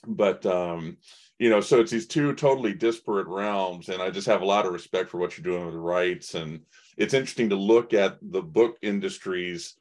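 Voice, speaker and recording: A man in his forties runs an online conference session over a video call. His voice sits low, and he talks in a chatty way full of fillers and restarts. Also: normal speed, a little mellow. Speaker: host. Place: indoors in front of a branded backdrop. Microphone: webcam video call.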